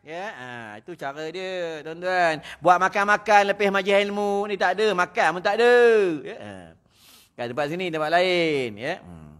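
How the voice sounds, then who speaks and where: Blunt high-pitched Malaysian Malay preacher. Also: male voice, normal speed, a bit bright. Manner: blunt, teasing, scolding the audience, frequent "ya? ha.". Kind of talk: mosque lecture sermon. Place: mosque prayer hall.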